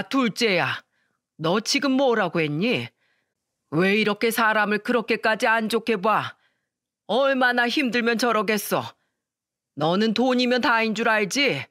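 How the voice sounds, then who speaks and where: A woman voicing an elderly father-in-law who shouts rebukes at his daughter-in-law in a story radio reading. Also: fairly high pitch, no room sound, studio quality. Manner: shouting rebukes, raised and strained. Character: stern elderly father-in-law, furious scolding man.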